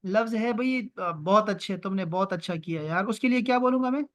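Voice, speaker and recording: A man teaching an online language lesson over a video call, repeating words slowly and drawing them out for his learners. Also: high-pitched, a bit bright. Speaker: Arabic teacher.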